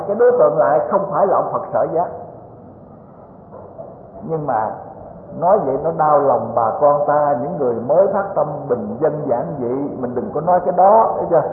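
A man gives a Buddhist dharma talk in a lecture hall, folksy and joking, often asking his listeners questions. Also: fairly high pitch. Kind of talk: sermon. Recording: tinny, echoey hall recording, faint hiss.

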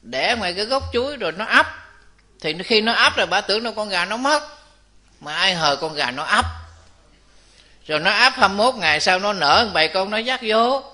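A man preaches, telling a moral tale to his audience. His voice is bright and cutting, and it sits a little high for a man. He slips in and out of the voices of the people in his story. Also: fairly quick. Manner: lively storytelling, acts out characters' voices, addresses the audience directly. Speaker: Buddhist preacher. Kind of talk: storytelling dharma talk.

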